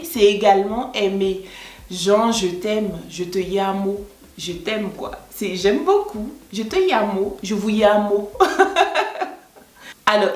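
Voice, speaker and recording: A woman from West Africa, chatting casually in a vlog, explaining things and laughing often. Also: mid-range voice. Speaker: vlogger. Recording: echoey room.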